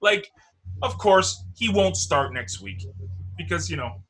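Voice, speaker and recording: A man's voice: sits high, lively intonation, measured pace, fairly bright tone. A man hosting a casual sports talk show, rambling loosely and swearing now and then. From Canada.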